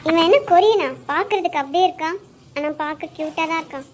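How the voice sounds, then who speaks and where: A woman's voice: very high-pitched, quick pace, noisy background. A woman voicing Anjali, a young woman who is sassy, teasing and in love, for a cartoon. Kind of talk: cartoon voice acting.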